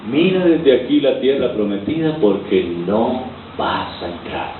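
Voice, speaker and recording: Stern hushed voice of God, as a preacher puts it on. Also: male voice, mid-range voice, sing-song, measured pace, a little hiss or hum. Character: stern God rebuking a disobedient servant. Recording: roomy, distant, tinny lo-fi recording.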